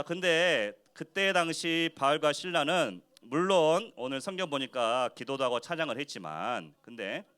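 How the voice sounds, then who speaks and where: A man giving a children's sermon as pastor in church, animated and constantly asking the kids questions. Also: medium pitch. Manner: acts out quoted speech in short voices. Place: church worship service for children.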